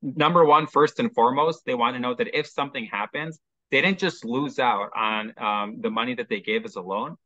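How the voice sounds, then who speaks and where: A mortgage specialist from Chicago, USA, with a Chicago American accent, explains things step by step as an interview guest, using frequent "um"s. His medium-pitched voice is a little fast with a sharp tone, recorded with no echo but sounding muffled.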